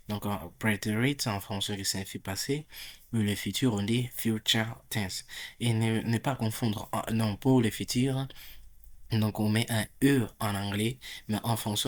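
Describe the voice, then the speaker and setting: A man teaching an English grammar lesson in French, repeating drill phrases slowly and loudly, with many fillers and restarts. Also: fairly low pitch, steady tone.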